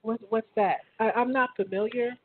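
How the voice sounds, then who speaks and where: Hosting an interview with a business owner, a woman asks casual questions in a fairly high voice, keeping a steady tone and moderate pace but restarting hesitantly often. The audio is tinny, like a phone line, with faint hiss.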